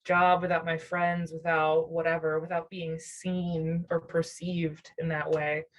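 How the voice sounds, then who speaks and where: Her voice sits low, level, and unhurried. She's a young musician from the Southern US near Nashville, Tennessee, guesting on an interview show, where her casual talk wanders reflectively, punctuated by many fillers and frequent laughter.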